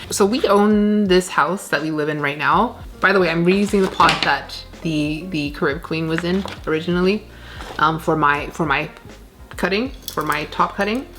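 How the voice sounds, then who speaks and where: Lady rambling away while repotting plants, kinda low voice, lots of "like". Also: a bit bright. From Canada. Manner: chatty, rambling, frequent "like" fillers. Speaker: plant vlogger. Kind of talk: casual chat while repotting. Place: indoor plant room, shelves of plants. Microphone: camera on desk, medium framing.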